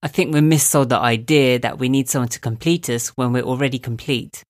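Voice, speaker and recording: A man with a nasal, slightly squeaky voice hosting a podcast. He gives a calm, reflective self-help monologue and speaks straight to the listener. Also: fairly quick. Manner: calm, thoughtful, addresses listener directly. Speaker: podcast host.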